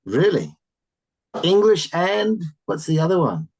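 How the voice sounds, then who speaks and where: Animated, encouraging teacher on a video call. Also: medium pitch, unhurried, breathy edge, low-quality recording. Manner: animated, encouraging, exclaiming with surprise. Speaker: English teacher. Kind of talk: online class with children.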